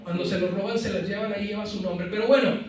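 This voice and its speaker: Male pastor, high voice, sermon with call-and-response questions and light jokes, heard from afar in a very reverberant church. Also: steady tone, fast talker. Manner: preaches with frequent questions to the congregation, playful asides. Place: church sanctuary. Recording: very echoey church hall, mic at a distance.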